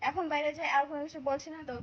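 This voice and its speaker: A woman's voice: high voice, little pitch movement, very fast. A young woman from West Bengal chatting casually to her viewers in a vlog, with lots of fillers, calling them guys. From West Bengal, India. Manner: speaking softly in a hushed voice. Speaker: vlogger. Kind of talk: casual vlog chat to camera. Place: village home, indoors and outdoors. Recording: dull lo-fi phone audio with faint noise.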